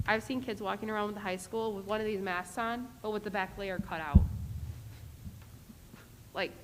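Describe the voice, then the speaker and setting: A woman's voice: mid-range voice, fairly even intonation, normal speed, a little mellow. Woman in a reverberant meeting hall. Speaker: board member. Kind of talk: informal meeting discussion. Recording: echoey hall with faint noise.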